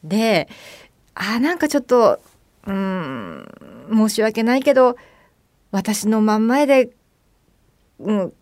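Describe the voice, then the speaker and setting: A woman's voice: mid-range voice, very animated, takes it slowly, pauses often, a little mellow, no echo. Chatty middle-aged Japanese woman radio host. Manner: chatty storytelling, acting out quoted voices. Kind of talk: casual solo radio monologue.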